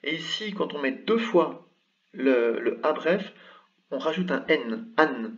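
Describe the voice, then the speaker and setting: A man's voice: fairly high pitch, lively intonation, slow, far from the mic, lo-fi sound. A man teaching an online language lesson, explaining letters step by step in a patient way with frequent hesitations. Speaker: Arabic script teacher.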